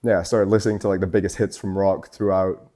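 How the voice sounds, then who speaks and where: Very deep-voiced young man from Scotland. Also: flat delivery, quick pace, warm tone. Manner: loose, rambling, heavy on "like" and swearing. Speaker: guest artist. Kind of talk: casual chat. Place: tattoo shop.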